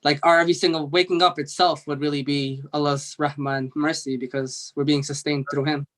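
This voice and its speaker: A male host speaks casually and respectfully in a religious discussion. His voice sits a little high and moves very little in pitch, with an informal turn of phrase. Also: little pitch movement, fairly quick, a bit bright.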